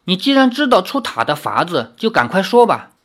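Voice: medium pitch, very animated, brisk, a bit bright, pitched above the performer's own voice. A reader voicing a puzzled young hero. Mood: questioning. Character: bewildered young male hero. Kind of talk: audiobook reading.

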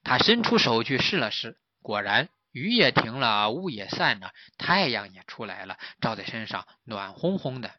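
A man narrating a children's story in a lively, animated way. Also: mid-range voice, normal speed, hardly any pauses, no echo, muffled recording.

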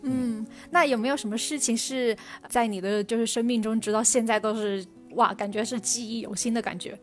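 Woman, higher pitch, podcast host, casual chat, enthusiastic reactions. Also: fairly even intonation, brisk, soft background music. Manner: prompting questions and reacting with enthusiasm.

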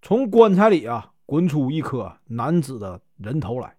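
A man's voice: mid-range voice, sing-song, measured pace, a little mellow, no echo, clean studio sound. A man with a Northeastern Mandarin accent narrating a folk tale in a folksy way, stretching filler syllables. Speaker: storyteller. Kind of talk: storytelling narration.

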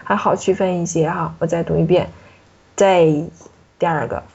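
A woman teacher explaining a pronunciation lesson, repeating points and ending phrases with soft particles. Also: on the low side, steady tone, quick pace, gravelly, husky. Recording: muffled lo-fi recording.

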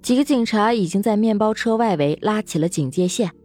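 A woman narrating a serialized novel in an expressive storytelling manner. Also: mid-range voice, fairly quick, faint music behind. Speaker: audiobook narrator.

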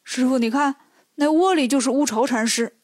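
Lady doing hungry whiny pig disciple, pleading, high voice. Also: moderate pace, dry recording, studio quality, natural voice.

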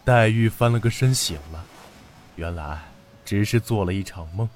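A man narrating a classic novel for children in an expressive, dramatic storytelling manner. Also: lowish voice, normal speed, a little hiss or hum.

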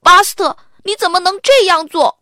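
A woman voicing a worried young schoolboy who pleads and bursts into loud complaints. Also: a little high, moderate pace, slightly rough, no room sound, clean studio sound. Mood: angry. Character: anxious, easily flustered young schoolboy.

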